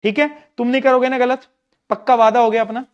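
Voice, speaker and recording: A man, teaching an online class in a chatty, teasing way and reading questions out slowly. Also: very high voice, flat delivery, smooth, highs cut off. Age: 20s. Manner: chatty, teasing, jokes with students.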